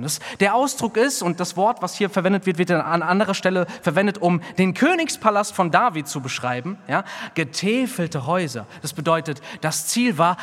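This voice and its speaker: A man preaching a sermon, emphatic, swinging between quiet, intimate lines and loud, dramatic ones as he acts out excuses. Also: high-pitched. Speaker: pastor. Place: church hall. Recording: long reverb of a church hall.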